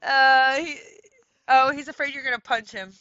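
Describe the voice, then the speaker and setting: A woman's voice: sits high, steady tone, moderate pace, bright, forceful tone, muffled recording. A woman hosting a live game stream, chatting casually, laughing often and reading her viewers' messages aloud.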